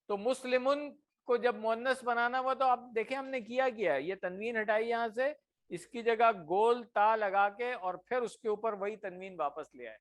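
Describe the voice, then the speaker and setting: A man teaching a grammar class, drilling words slowly and often checking that his students follow. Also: very high voice, a bit bright. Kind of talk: classroom lesson.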